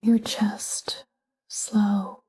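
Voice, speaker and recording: Speaking in a whisper that is airy and very breathy, a woman guides listeners through a sleep meditation. Her delivery stays calm and slow, almost level in pitch, and she keeps her phrases short and gentle, pausing between them.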